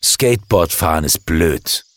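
A man's voice: extremely low pitch, animated, a little slow. A man doing a jealous, furious young boy. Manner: snapping, shouting, spiteful.

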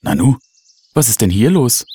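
A man voicing a kind, cheerful mother in a read-aloud storybook, speaking pleased and gentle above his deep voice. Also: lively intonation, moderate pace. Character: warm cheerful mother of two children.

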